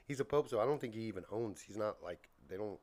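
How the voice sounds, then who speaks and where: A man co-hosting a casual podcast, rambling through halting explanations while getting over a bronchial cough. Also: fairly low pitch, animated, darkish tone. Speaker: podcast co-host.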